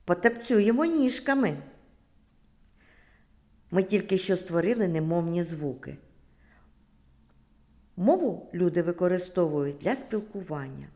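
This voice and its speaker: A woman kindergarten teacher with a Ukrainian accent, giving a lesson to preschool children in a slow, clear, sing-song voice that stretches out sounds. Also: fairly low pitch, lively intonation, mellow.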